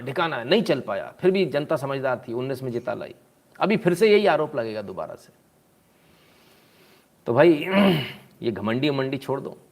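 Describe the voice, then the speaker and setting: Male commentator, casual and sarcastic, mocking asides, throat clearing, close-mic chat. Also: fairly high pitch. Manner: frequent throat clearing and "hmm?". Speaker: political commentary host.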